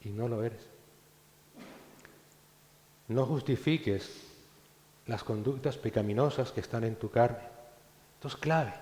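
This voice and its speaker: A man preaching a sermon as pastor, swinging between loud exhortation and hushed, low phrases. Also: takes it slowly, pauses often. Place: church hall. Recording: echoey church hall with long reverb.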